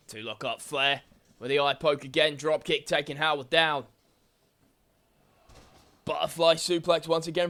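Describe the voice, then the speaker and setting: Guy doing wrestling game play-by-play, kinda high voice, keeps going oh! wow! at the big moves. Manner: excited calls with frequent exclamations. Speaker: video game commentator. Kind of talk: play-by-play wrestling commentary over gameplay.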